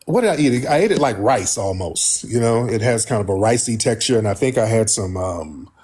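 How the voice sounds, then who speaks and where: A man's voice: on the low side, lively intonation, brisk, a little mellow, husky. An American man hosting a casual live talk, speaking in a blunt, colloquial way. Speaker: host.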